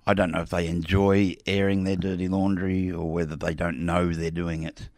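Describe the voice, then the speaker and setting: Brief: deep-voiced male radio co-host, wry storyteller, dry studio. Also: little pitch movement, moderate pace, darkish tone, no echo. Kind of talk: casual studio chat.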